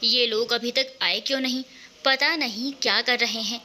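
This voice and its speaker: A restless mother, worried and impatient while she waits for her family, as a woman reads her. Her voice is bright and slightly high. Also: fairly even intonation, normal speed. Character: anxious mother waiting, restless.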